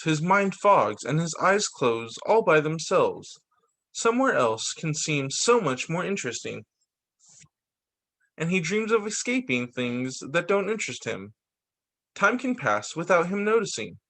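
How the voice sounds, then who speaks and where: A man reads a picture book to children in the story-time style of a teacher. His voice is fairly high, and its pitch swings widely as he reads. He uses expressive, deliberate emphasis and restarts now and then.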